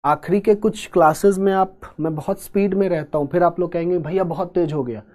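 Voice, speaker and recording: A man with a high, darkish voice teaches an exam-prep class, explaining things step by step at a slow, deliberate pace and tossing joking asides to his students.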